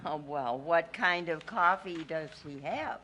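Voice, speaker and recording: A woman voicing an envious, wistful small-town housewife with an expressive, gossipy delivery. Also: sits low, slow pace, heavily acted. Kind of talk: comic radio melodrama acting.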